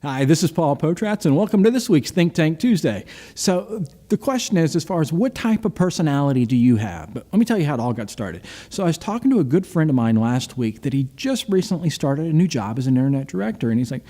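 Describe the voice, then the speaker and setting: High-voiced man hosting a business show. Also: very animated, fast, hardly any pauses, mellow. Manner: chatty storytelling, rhetorical questions to the viewer. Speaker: host. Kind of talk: scripted direct-to-camera business talk.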